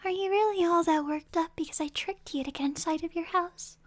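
A woman's voice: very high-pitched, fairly quick. A woman voicing a possessive, unstable young supernatural girl who holds a human captive, in an ASMR roleplay. She talks mostly in a whisper, coaxing, then suddenly snapping. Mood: coaxing, menacing.

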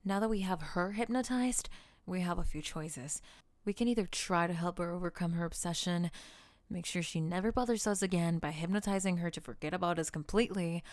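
A woman voicing a low gravelly calm hypnotist heroine. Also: dry recording, lightly acted. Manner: soft, whispery, soothing hypnotic delivery. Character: calm young woman freeing her boyfriend by counter-hypnosis. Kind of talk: audio roleplay.

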